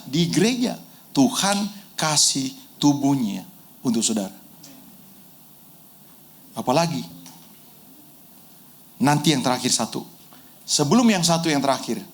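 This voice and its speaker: A middle-aged male pastor, preaching a sermon as an animated storyteller who drops into colloquial slang and shouts at the peaks. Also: high-pitched.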